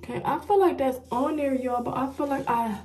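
A woman's voice: high voice, fairly quick, darkish tone, a little hiss or hum. A young woman doing a casual get-ready-with-me beauty vlog, talking straight to her viewers and sounding frustrated and self-mocking as she struggles. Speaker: beauty vlogger.

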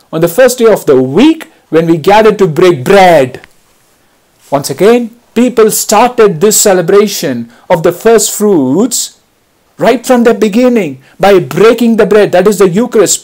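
High-voiced man giving a slow homily. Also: a little mellow. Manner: slow, deliberate preaching, reading scripture aloud. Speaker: priest. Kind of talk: Easter homily.

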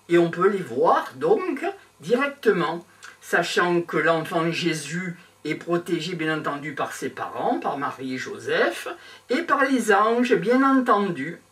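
An older man from Provence presenting his handmade nativity crib to camera in a small room, talking in slow halting phrases full of pauses and fillers. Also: high voice, fairly bright tone, recorded from a distance. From Provence, France. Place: small indoor room with a decorated table. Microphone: clip-on lapel mic.

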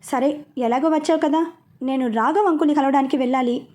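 A woman's voice: high-pitched, a little fast, a little mellow, lightly acted. A woman voicing a stern, protective young man in a storybook reading, speaking firmly and with authority. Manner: firm, commanding.

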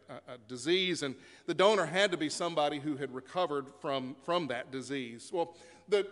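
A man's voice: a little high, a bit bright. A man preaching a sermon as pastor in a church sanctuary, telling stories in a conversational way with occasional fillers. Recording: long reverb of a church sanctuary.

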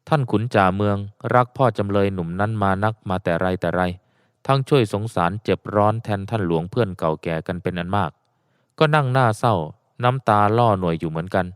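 A man narrating an audiobook in a steady storytelling cadence, close to the mic. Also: on the low side, brisk, clean tone, dry recording.

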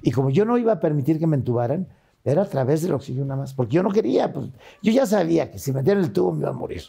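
A man's voice: a little high, sing-song, racing, vocal fry, dark tone, breathy edge. An older man with a Mexican accent, a guest in a casual interview, retelling a hard time in an earnest, emotional way.

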